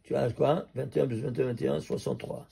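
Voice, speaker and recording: A man, a rabbi, teaching an animated Torah class, pressing his listeners with rhetorical questions and chuckling with excitement over number calculations. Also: mid-range voice, fast, vocal fry, husky.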